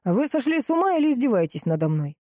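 A woman voicing a grumpy, irritable middle-aged male police colonel who talks dryly and gruffly, in an audiobook. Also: on the high side, very animated, quick pace, warm tone, dry recording, voice pushed up. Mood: exasperated. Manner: dry, gruff and snappish.

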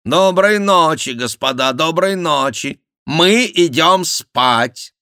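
Man putting on a shrill mocking court jester. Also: expressive, slow, pushed and bright, clean tone, no echo, clean studio sound, full character voice. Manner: mocking, shrill exclamations, mimicking. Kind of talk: audiobook character voice.

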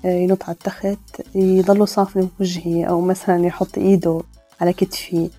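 A woman, telling a personal story in a reflective, hesitant way with pauses and fillers. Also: fairly low pitch, flat delivery, dark tone, soft background music. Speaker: storyteller guest.

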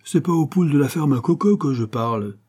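A man voicing a burly, coarse junk dealer who talks loud and slangy. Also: on the high side, expressive, brisk, breathy edge, pitched above the performer's own voice. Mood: gruff. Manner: loud, slangy, working-class speech.

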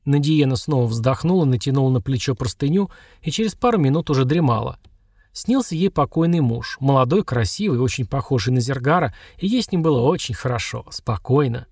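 A man reading a fantasy audiobook in measured, scripted narration. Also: mid-range voice, expressive, darkish tone, dry recording, clean studio sound. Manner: measured storytelling.

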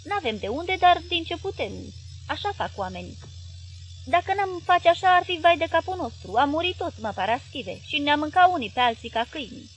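A woman's voice: high voice, very animated, soft background music, pitched above the performer's own voice. A woman voicing a sweet, coaxing wife. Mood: coaxing, pleading.

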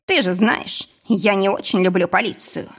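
A woman reading a menacing male boss who threatens in a husky voice, mock-sweet at times. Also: mid-range voice, normal speed, a bit bright. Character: menacing middle-aged male boss, villain.

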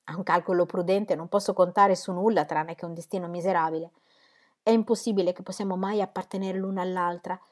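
A woman's voice: lowish voice, fairly even intonation, brisk, lightly acted. A woman reading aloud, voicing a proud, poor young man in love who bursts out in bitter anger. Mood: despairing.

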